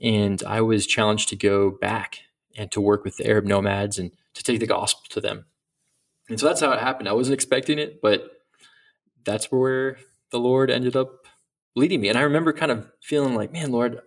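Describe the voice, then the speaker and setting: A man's voice: medium pitch, vocal fry. A middle-aged man speaking as a missionary guest in an interview, earnest and reflective, often restarting his sentences. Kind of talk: casual interview talk.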